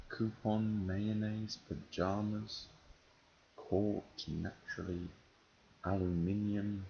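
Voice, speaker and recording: A low, creaky male voice with a London-softened northern English accent. He talks casually and hesitantly, with dry deadpan humour. The recording is dull, with clear noise behind him. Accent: English, London-softened with slight northern touches. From northern England. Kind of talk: casual answers to an accent questionnaire. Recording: dull, noisy home recording.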